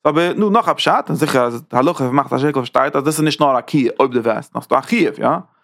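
A man teaching a Torah class in a lively lecture style, talking with sudden leaps in pitch. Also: fast talker, creaky.

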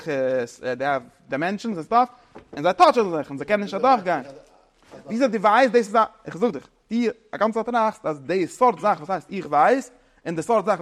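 Man lecturing, higher-pitched and searching. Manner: searching, halting, mixes in English terms. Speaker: teacher. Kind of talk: informal philosophy lecture.

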